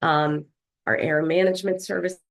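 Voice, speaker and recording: A woman leading a health department, presenting slides to a board over a video call in a measured way with frequent fillers. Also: lowish voice, steady tone, creaky, rough recording. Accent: Philadelphia. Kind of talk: formal online meeting presentation.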